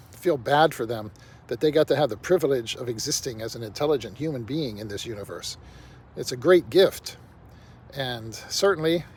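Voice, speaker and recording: Faint outdoor traffic sits behind an older vlogger rambling casually and bluntly to the camera, saying "you know" again and again. He speaks in a husky, medium-pitched voice.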